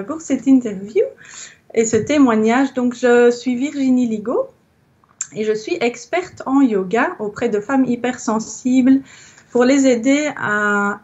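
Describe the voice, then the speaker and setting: This yoga teacher from Belgium, a woman in her thirties, speaks with a fairly high, slightly mellow voice. The audio is muffled. She's being interviewed for a recorded testimonial, reflecting thoughtfully and groping for the right words.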